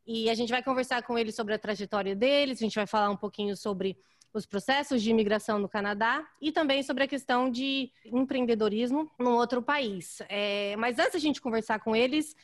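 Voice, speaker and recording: A woman from Goiânia with a Goiás accent, hosting a podcast in an excited, expressive manner. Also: fairly high pitch, a little fast. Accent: Goiás, with a rolled-back R. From Goiânia, Brazil. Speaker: podcast host. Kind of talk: casual podcast chat.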